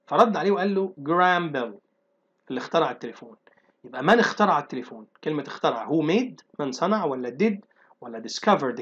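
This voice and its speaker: A man with an Egyptian Arabic accent teaching an exam-prep English lesson, reading English sentences slowly and then explaining them briskly. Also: on the high side, husky, dull audio.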